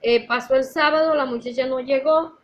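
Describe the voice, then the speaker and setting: A woman's voice: sits high, fairly even intonation, moderate pace, slight background noise. A woman teaching a Sunday school class at church, earnest and storytelling, addressing her listeners as brothers and sisters.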